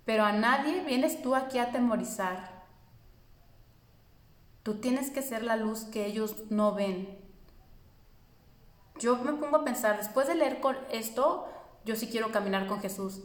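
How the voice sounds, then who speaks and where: A woman's voice: a little high, unhurried, pauses often, reverberant. A woman, teaching a spiritual course in an earnest, reassuring way, speaking directly to her listeners.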